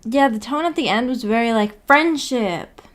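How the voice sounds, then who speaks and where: A woman with a voice on the high side speaks at normal speed while hosting a casual book club livestream. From an upstairs room at home, she goes through viewer comments and answers them, wandering off topic and correcting herself.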